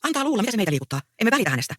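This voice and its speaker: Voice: medium pitch, sing-song, a bit bright, no room sound, clean studio sound, pitched above the performer's own voice. A reader voicing an earnest, anxious young peasant woman in a stage play read aloud. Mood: pleading. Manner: pleading, earnest.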